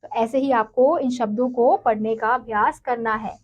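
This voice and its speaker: A woman's voice: a little high, fairly even intonation, moderate pace, lo-fi sound. A woman teaching young children to read and write, patiently sounding out syllables one by one before blending them into words. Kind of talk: slow, syllable-by-syllable children's writing lesson.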